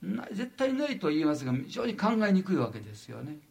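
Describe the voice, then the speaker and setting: An older man from Japan giving a lecture, halting with frequent fillers and lively asides. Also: fairly high pitch, creaky. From Wajima, Noto Peninsula, Japan.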